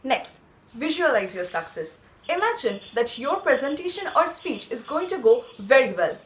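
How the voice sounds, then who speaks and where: A woman gives an instructional presentation. Her voice is high and very animated in its intonation. She lays out advice point by point, recorded in an echoey room. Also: normal speed. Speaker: presenter of a tips channel.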